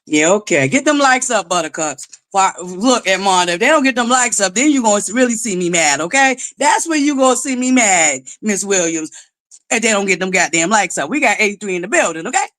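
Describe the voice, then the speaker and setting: Loud, boisterous woman on a live stream. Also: medium pitch, animated, a little fast. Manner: sassy, bursts into shouts and laughs. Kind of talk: casual live-stream commentary.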